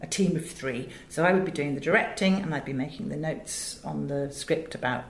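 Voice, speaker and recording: A middle-aged Englishwoman with a British accent speaks in a deep voice at a slightly fast pace. She is an audiobook director and producer giving an interview, answering conversationally with emphatic storytelling and plenty of asides. The room sounds echoey, with faint background noise.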